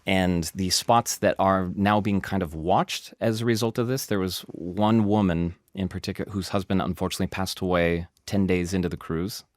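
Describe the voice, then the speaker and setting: A man with a low, deep voice talks through a science story on a podcast. He is animated and explains at length, with asides and emphasis. The studio sound is dry and close to the mic. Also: moderate pace, few pauses, no echo. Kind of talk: casual explanatory podcast talk.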